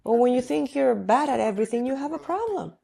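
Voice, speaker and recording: A woman preaches with a mellow, warm tone that never turns sharp. She drives her points home by repeating short phrases, giving her delivery an insistent, emphatic pulse. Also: high-pitched, animated, quick pace, gravelly, husky. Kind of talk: sermon.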